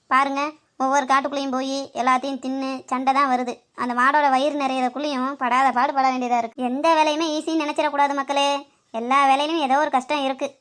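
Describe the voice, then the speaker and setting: A woman's voice: sits high, fairly bright tone. A woman voicing a bossy older village woman herding cows, nagging and scolding in a cartoon comedy. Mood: chatty.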